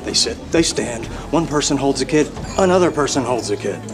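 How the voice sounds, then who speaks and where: A man's voice: mid-range voice, lively intonation, fairly quick, close to an everyday voice. A male actor playing a grumpy, sarcastic diner owner in a TV comedy-drama, building into an escalating, indignant comic rant. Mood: exasperated ranting. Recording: TV soundtrack with music behind. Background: music.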